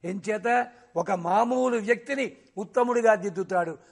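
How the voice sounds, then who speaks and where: A man giving a devotional discourse on scripture. He recites verses slowly and asks rhetorical questions that he then answers himself. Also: high voice, creaky. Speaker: religious discourse speaker.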